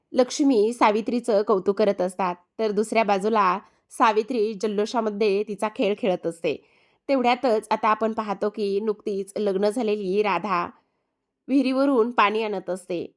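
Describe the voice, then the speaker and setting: A woman narrating a recap of a TV serial episode in a steady storytelling manner. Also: medium pitch.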